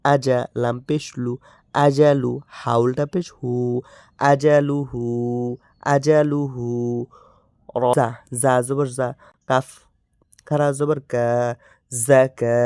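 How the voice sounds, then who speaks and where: A Bangladeshi man teaching Quran reading, spelling out letters and vowel marks and repeating each word slowly in drills. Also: medium pitch, dark tone, clean tone, dry recording, studio quality. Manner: slow, drawn-out drilling with repeated syllables.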